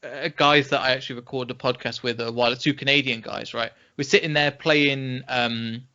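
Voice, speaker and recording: A young man from England with a British accent, telling lively anecdotes as a podcast co-host in casual chat. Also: medium pitch, moderate pace, clean tone. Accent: British English. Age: young adult. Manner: animated anecdote-telling, acts out quoted reactions. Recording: dull lo-fi podcast audio.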